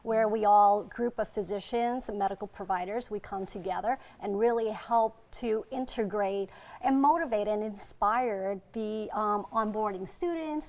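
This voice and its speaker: A woman's voice: medium pitch, a little mellow. A woman from Vietnam, a functional medicine doctor and TV interview guest, telling her story in an earnest, heartfelt way. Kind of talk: TV interview answers.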